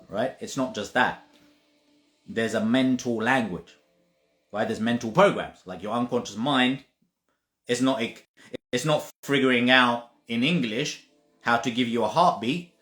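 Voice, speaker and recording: A man whose voice sits on the low side, with a fairly bright tone, gives an informal spiritual talk. He repeats himself emphatically and sometimes curses, and the recording has room echo and faint music.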